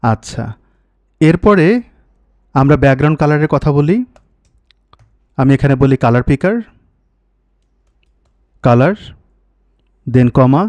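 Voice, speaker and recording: A man's voice: medium pitch, slow pace, long pauses, darkish tone, dry recording. A man teaching a coding tutorial over a screen recording, thinking aloud, mixing in English technical terms and fixing errors as he goes. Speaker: coding instructor.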